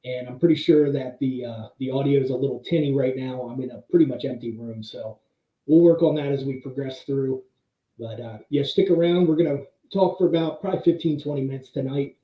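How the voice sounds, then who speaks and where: A man hosting a monthly history talk, explaining slides conversationally, heard in tinny, low-sample-rate audio from an empty room. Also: reverberant. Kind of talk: casual slide-show presentation. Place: pretty much empty room.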